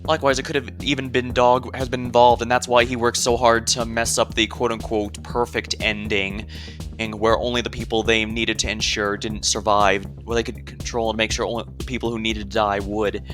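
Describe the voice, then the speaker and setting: A man's voice: on the low side, flat delivery, fairly quick, a bit bright, faint music behind. A man commentating on a game he plays, rambling and stumbling over his words as he goes. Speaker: game streamer playing a visual novel. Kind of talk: game commentary and reading dialogue aloud.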